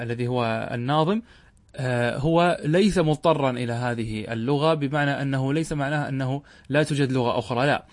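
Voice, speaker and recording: Man, middle-aged, mid-pitched, patient classroom explainer who repeats points; dry sound. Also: no echo. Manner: measured, repeats key points, asks rhetorical questions. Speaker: Arabic grammar teacher. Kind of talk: classroom lesson explaining a text.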